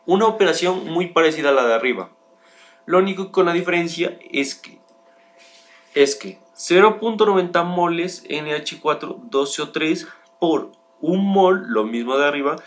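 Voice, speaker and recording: A man's voice: a little high, fairly bright tone. A young man, a student, works through chemistry exercises aloud in a methodical way, often restarting his phrases. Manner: methodical, starts many sentences with "bien", restarts often. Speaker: student presenting homework.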